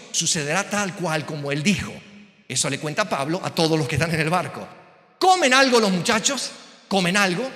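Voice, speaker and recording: A man preaches, his high voice leaping all over the place. His tone is bright and ringing. The sound rolls around a big, echoey church hall. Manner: animated preaching, acting out quoted voices. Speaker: pastor. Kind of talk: sermon.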